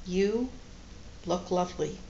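A woman reading aloud as a soft-spoken, hesitant man who chooses his words with care. The storybook delivery is slow and unhurried, in a roomy, slightly dull recording. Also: fairly low pitch, expressive, vocal fry, slight background noise, full character voice. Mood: gentle, hesitant. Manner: soft, careful, lightly spoken. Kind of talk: audiobook-style read-aloud dialogue.

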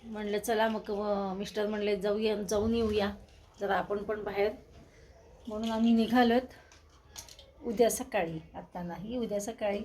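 A woman's voice: medium pitch, steady tone, moderate pace, darkish tone, slight background noise. An older woman chatting casually at home as a vlogger, often turning to coax a toddler. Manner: chatty, talks to toddler in coaxing tones. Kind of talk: casual home vlog chat.

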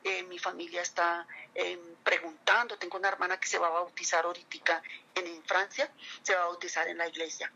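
A middle-aged woman pours out a personal religious testimony to a pastor, earnest and emotional, turning back to him often. Her voice is bright and sharp-edged, with a husky rasp and a gravelly fry at the ends of phrases. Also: lowish voice, little pitch movement, fairly quick, lo-fi sound. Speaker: church member giving testimony to a pastor.

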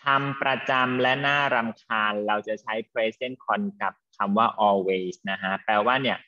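Patient, slow-explaining male teacher. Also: lowish voice, sharp tone, muffled recording. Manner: slow, patient explaining, calls students "child". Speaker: English teacher. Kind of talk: online class lesson with students.

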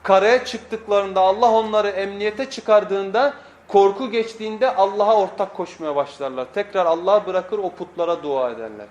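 A man's voice: high-pitched, moderate pace, a little mellow. A man preaching a sermon from a pulpit microphone, emphatic and fond of asking his listeners rhetorical questions. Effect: speaking from a pulpit microphone. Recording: echoey room.

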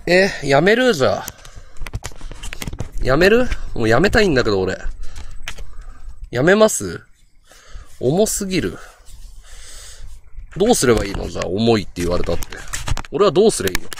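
Man live-streaming, ghost hunt, restless, lively pitch, faint outdoor hiss, handheld mic. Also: moderate pace, vocal fry, long pauses. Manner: frustrated, restless, talking to viewers. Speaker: livestreamer. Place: outdoors at an abandoned hotel at night.

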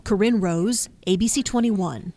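A woman reporter reading a scripted news story in a measured, even delivery. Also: medium pitch.

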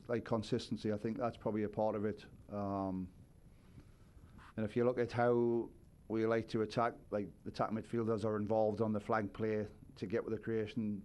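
Measured head coach at a press table. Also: male voice, lowish voice, dark tone. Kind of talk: postgame press conference answers. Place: press conference room, seated at a table. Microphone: table microphone on a stand.

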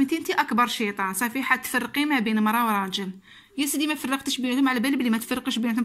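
Fast-talking Algerian woman vlogger. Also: fairly high pitch, fairly bright tone. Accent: Algerian Arabic. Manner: chatty, repeats phrases for emphasis. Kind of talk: casual chat to camera.

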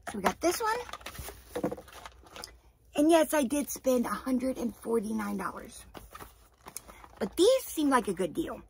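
A young woman chatting casually through a shopping haul to camera in an attic room, with a husky, breathy voice and rambling, informal asides. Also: a little high, fairly bright tone, poor audio.

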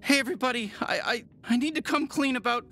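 A man's voice: very high-pitched, fast, sharp tone, soft background music, full character voice. An actor voicing an anxious young alien talking gun in a video game, stammering and rambling as he talks. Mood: nervous.

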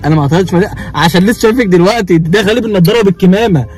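A man's voice: high-pitched, rapid-fire, darkish tone, soft background music. A young man with an Egyptian accent, bantering and teasing his wife in a car, swearing oaths and laughing. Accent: Egyptian Arabic. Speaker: vlogger, husband. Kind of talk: prank vlog banter. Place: inside a car.

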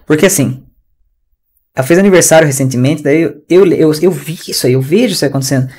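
A man's voice: a little high, fast, darkish tone, breathy edge. A man with a Brazilian Portuguese accent teaching an online English class in a chatty, slangy, ranting way over a video call.

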